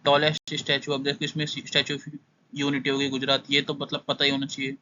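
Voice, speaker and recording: A man's voice: medium pitch, completely flat delivery, brisk, pushed and bright, lo-fi sound, slight background noise. A young man giving a casual exam-prep lesson, skimming through points and repeating what students must know.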